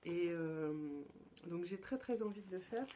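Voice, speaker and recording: A woman from France hosts her own podcast in a casual show-and-tell chat, pausing often with fillers and restarting her sentences. Her voice sits low and mellow, and she sometimes drops into soft whispered asides. A faint noise runs underneath. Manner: hesitant, many fillers and restarts. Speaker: podcast host.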